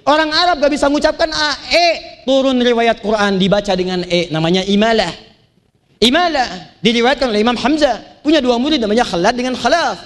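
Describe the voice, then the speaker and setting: A man from Banten preaching to an audience, telling lively stories and chanting Quranic verses. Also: very high-pitched, brisk. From Banten, Indonesia. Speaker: Islamic preacher. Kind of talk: sermon to a live audience.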